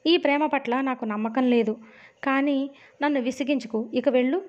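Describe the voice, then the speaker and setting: A woman narrating a novel aloud with a Telugu accent, in a steady storytelling manner, lightly voicing the dialogue. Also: high voice, normal speed, muffled recording.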